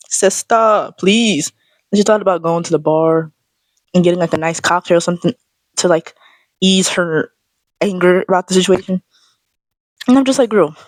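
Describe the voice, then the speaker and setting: A woman's voice: medium pitch, no room sound. Sassy woman ranting on her vlog. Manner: sassy, animated, slangy. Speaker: vlogger. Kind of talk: casual ranting monologue.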